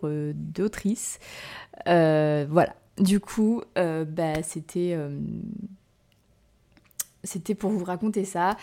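Chatty, hesitant woman with a warm low voice. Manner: hesitant, full of "euh" fillers and restarts; chatty, self-mocking, laughs at herself. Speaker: podcast host and novelist. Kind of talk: casual solo podcast chat.

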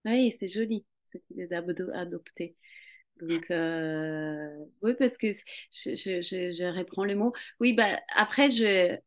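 A woman whose first language is Italian is a guest in a conversational interview, speaking as a Pilates and Rolfing practitioner. Her voice is fairly low and her pace measured, but she sounds hesitant and searching, with many fillers and restarts as she hunts for words.

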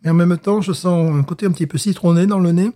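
A man's voice: high-pitched, fast, warm tone. A man co-hosting a casual beer-tasting podcast chat, talking hesitantly with frequent restarts and fillers. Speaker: podcast co-host.

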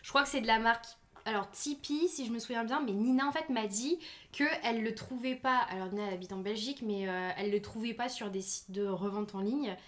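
A woman's voice: a little high, brisk, fairly bright tone. A woman co-hosting a podcast in casual chat, rambling along with many fillers. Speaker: podcast co-host.

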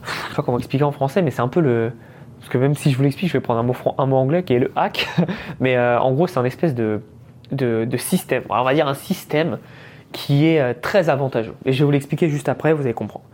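Man in his thirties, from France, podcast host, casual storytelling, chatty, drops English business terms, mid-pitched voice. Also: fast, a little mellow. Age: 30s.

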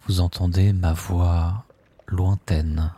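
A man leading a guided sleep meditation, speaking softly and calmly in drawn-out phrases with long pauses. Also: deep voice, husky. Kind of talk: slow guided relaxation script.

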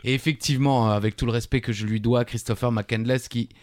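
A man's voice: medium pitch, fairly even intonation, a little fast, darkish tone, dry recording, studio quality. A man co-hosting a quiz podcast, reading questions and teasing his partner in casual, joking chat. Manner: teasing, playful, reads questions aloud.

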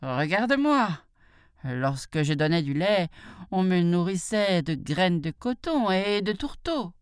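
A woman's voice: lowish voice, very animated, slow pace, clear, resonant tone, no echo, clean studio sound. A woman voicing a weary old female buffalo who bitterly mocks the man's hopes.

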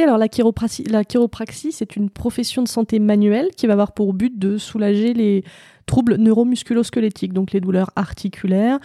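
A woman chiropractor answering interview questions, explaining with frequent pauses and fillers. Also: mid-range voice, dark tone, no echo, studio quality. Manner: hesitant, many fillers and restarts. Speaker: chiropractor guest.

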